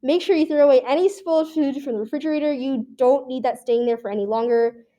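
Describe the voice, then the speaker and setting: Mellow, high-voiced teen girl presenting. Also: fast. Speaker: student presenter. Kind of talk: reading a scripted class presentation.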